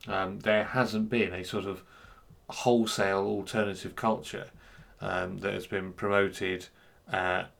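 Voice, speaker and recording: A man giving an unscripted talk on software freedom, hesitant and full of fillers and restarts. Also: deep voice, level tone, measured pace, creaky. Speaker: speaker on free software.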